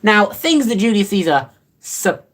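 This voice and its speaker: Livestreamer, casual chat, lively swinging pitch, rambling, fillers, playfully sarcastic. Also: a little slow. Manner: rambling and offhand, many fillers and restarts.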